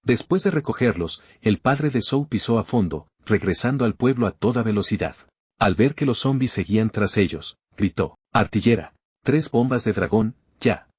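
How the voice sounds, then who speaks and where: Low husky male narrator, dry voice-over. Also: expressive, moderate pace, darkish tone, no room sound. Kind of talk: scripted story recap narration.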